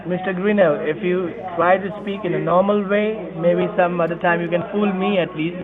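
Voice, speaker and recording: A man's voice: high-pitched, fairly even intonation, normal speed. A man posing as an officer on a phone call, doubting and lecturing the caller. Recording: tinny phone line with call-center crowd noise.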